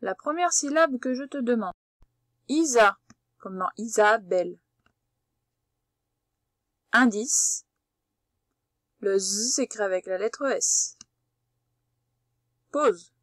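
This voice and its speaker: A woman teacher giving a patient, slow spelling dictation lesson, spelling out letters one by one. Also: a little high, lively intonation, dry recording, clean studio sound.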